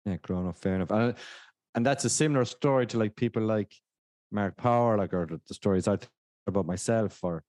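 A man's voice: fairly low pitch, fairly quick, a little mellow, dry recording. A man from County Clare with a west of Ireland accent, hosting a casual podcast interview in a jokey, self-deprecating way. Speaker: podcast host.

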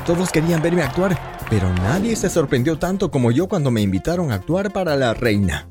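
Brief: male narrator for a cartoon story, expressive, music faintly behind. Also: a little high, a little fast, some chatter behind.

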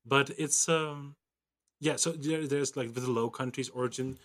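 Podcast co-host who rambles into self-mocking tangents at an average pitch. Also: male voice, fairly even intonation, normal speed, a bit bright. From Netherlands. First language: Dutch. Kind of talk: casual chat.

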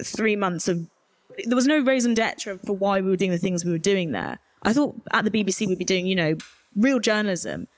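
A young woman journalist from rural Herefordshire, England, sits on a panel at a live event, answering interview questions candidly and informally with emphatic asides. Her modern British Received Pronunciation comes in a medium-pitched voice, with no echo.

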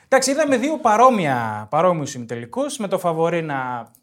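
A man in casual podcast chat about football, grumbling and pushing back hard on the others. His pitch swings a lot as he argues. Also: sing-song, fairly bright tone. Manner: grumbling, argumentative. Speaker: podcast co-host.

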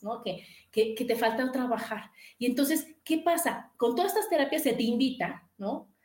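A woman with a Mexican accent hosts a talk show and gives advice like a therapist. She speaks high and lively, repeating phrases and checking in with "¿no?". The studio sound is roomy and echoey. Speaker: radio show host and therapist.

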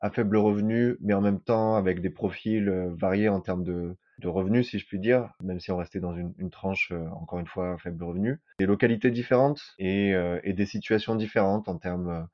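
A man in his thirties from southern France, with a very low voice, gives a personal testimony on a podcast. He speaks haltingly, restarting phrases and repeating words as he goes. The recording sounds dull and lo-fi. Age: 30s. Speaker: podcast guest sharing his experience.

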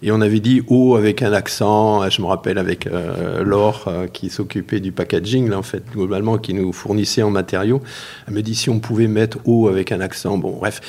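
A man's voice: lowish voice, fairly even intonation, brisk, a little mellow. Hesitant French-speaking man explaining. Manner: hesitant, many fillers, explains carefully. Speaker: cheesemaker interviewed about his cheese. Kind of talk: casual spoken interview.

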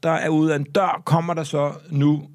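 A man's voice: on the high side, flat delivery, a little mellow, no room sound, studio quality. A man co-hosting a comedy podcast, telling a rambling story full of hesitations and acted-out voices. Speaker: podcast co-host.

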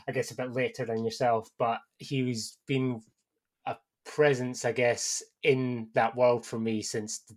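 A man co-hosting a podcast in casual, conversational talk, halting and restating his phrases as he goes. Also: mid-range voice, little pitch movement. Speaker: podcast co-host.

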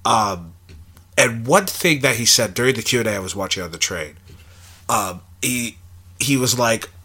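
A man's voice: medium pitch, expressive, normal speed, bright, forceful tone, husky. A young man in casual conversation about a film, thinking aloud with lots of fillers and restarts.

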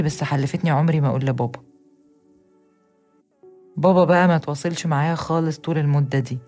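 Very fast-talking young Egyptian woman. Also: sits low, a little mellow. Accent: Egyptian Arabic. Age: young adult. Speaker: narrator. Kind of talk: scripted first-person narration.

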